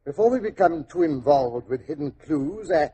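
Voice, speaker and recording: An actor playing a genial, chatty older doctor in 1940s radio style, an avuncular and hesitant storyteller. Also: male voice, fairly high pitch, expressive, moderate pace, mellow, lightly acted. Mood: genial, teasing. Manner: avuncular, hesitant, chuckling raconteur. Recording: old 1940s radio recording.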